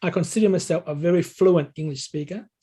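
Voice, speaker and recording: This high-pitched, husky, mellow male voice keeps a steady tone at a fairly quick pace. He's a native Thai speaker from Thailand in his sixties, an English learning coach appearing as an interview guest, answering conversationally and explaining in a coaching style.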